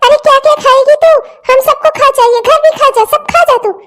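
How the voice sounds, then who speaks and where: A woman voicing a harsh, middle-aged cartoon stepmother who berates and curses in a shrill voice. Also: brisk. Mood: furious scolding. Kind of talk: cartoon voice acting.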